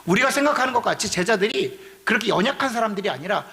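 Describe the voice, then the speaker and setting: A male pastor delivers a sermon in a conversational, explanatory manner. His voice is high and lively in pitch. It carries a gravelly texture throughout. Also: fast talker. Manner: conversational, explanatory, asks rhetorical questions.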